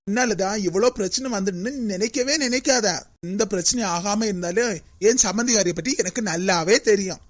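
A voice actor with a Kanyakumari Tamil accent voicing a calm, reassuring older-sister character in an animated comedy. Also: mid-range voice, dry recording.

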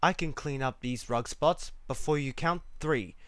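A man voicing a mischievous, cocky male cat from a storybook, boastful and breezy, a little louder and bouncier than his reading voice. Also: mid-range voice, a little slow, no echo, close to an everyday voice. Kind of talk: storybook read-aloud.

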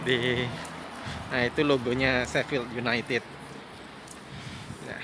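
A man's voice: medium pitch, flat delivery, slow pace. Chatty man vlogging outdoors on a phone. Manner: chatty, musing aloud with many fillers. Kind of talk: casual walking vlog. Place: outdoors by a stadium. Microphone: phone held at arm's length. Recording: noisy outdoor phone recording. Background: street ambience and passing cars.

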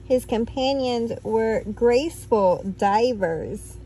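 A woman reading a picture book aloud at bedtime, expressive and playful, chatting with a child between pages. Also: a little high. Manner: slow, expressive, playful counting.

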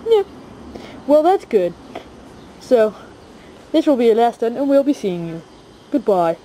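A woman with a high, wildly swooping voice calls homemade stunts like a mock sports announcer. She slips in and out of a put-on announcer tone and often breaks into shrieks, over faint background noise. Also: very animated, unhurried, warm tone, low-quality recording. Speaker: stunt commentator. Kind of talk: excitable home-video commentary.

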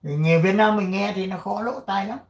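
An older man from Vietnam hosting his channel, chatting casually and reading an article aloud, rambling with many fillers and frequent throat clearing. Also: high-pitched, brisk, roomy sound. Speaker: channel host.

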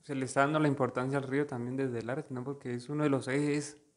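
A man from Colombia talking about art in a measured, explanatory way during a casual studio conversation. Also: mid-range voice, little pitch movement.

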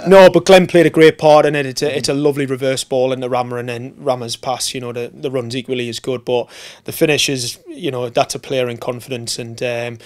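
Measured, flat-toned football manager. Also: male voice, mid-range voice. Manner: steady, measured talk with frequent fillers and restarts. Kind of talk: post-match interview. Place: indoor press room in front of a sponsor board.

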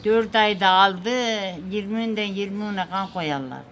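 A woman's voice: mid-range voice, unhurried. An old woman with a rural Turkish dialect chatting and reminiscing in a folksy way, calling her listener dear. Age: elderly. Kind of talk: casual chat, reminiscing. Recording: noisy recording with ambient sound.

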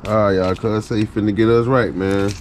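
A man's voice: lowish voice, steady tone, brisk, slight background noise. A man hosting a casual cooking and fishing vlog, hyped and slangy, calling out to his viewers. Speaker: vlog host. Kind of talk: casual outdoor vlog chat. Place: outdoors.

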